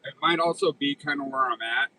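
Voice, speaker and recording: A man's voice: mid-range voice, fairly quick, bright, forceful tone, slight background noise. Man with a tinny, metallic phone sound. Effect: tinny, metallic phone-call sound. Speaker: caller joining a livestream. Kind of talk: casual livestream chat. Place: inside a small car. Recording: tinny distant phone audio from a car.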